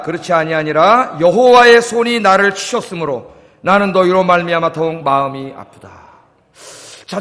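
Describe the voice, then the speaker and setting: Lively high-voiced pastor preaching in a hall. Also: male voice. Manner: asks the congregation questions and answers them himself; drops to a near-whisper at the ends of phrases. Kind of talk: sermon. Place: church sanctuary. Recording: long church reverb.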